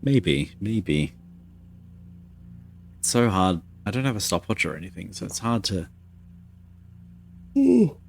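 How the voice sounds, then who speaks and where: A man's voice: sits low, animated, a little slow, creaky, pauses often, a little hiss or hum. A man streaming a video game live, chatting casually and rambling to his viewers. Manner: rambling, chatty, self-deprecating.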